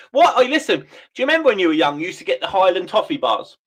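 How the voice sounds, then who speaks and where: A man's voice: high voice, very animated, fast, husky. A man hosting a stream, chatting casually, swearing and laughing often. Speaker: livestream host. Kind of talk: casual chat.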